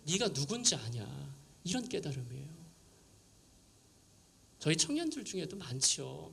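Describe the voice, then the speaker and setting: A man delivers a sermon with a high, bright voice that swoops up and down with lively energy. He preaches in a conversational way, leaning hard on key words as he addresses a young church crowd. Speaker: pastor. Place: church sanctuary.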